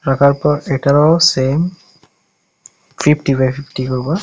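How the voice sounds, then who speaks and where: A man's voice: mid-range voice, level tone, slow pace, lo-fi sound, a little hiss or hum. A man from Bangladesh talking through an app-building tutorial step by step in a casual way, often correcting himself as he goes. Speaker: tutorial host.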